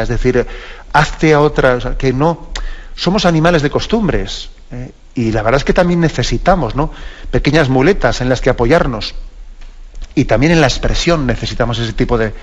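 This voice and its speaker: A man's voice: medium pitch, lo-fi sound. A man with a Spanish accent, a bishop explaining the catechism on radio in a conversational way, often adding tag questions and restarting sentences. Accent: Spanish from Spain.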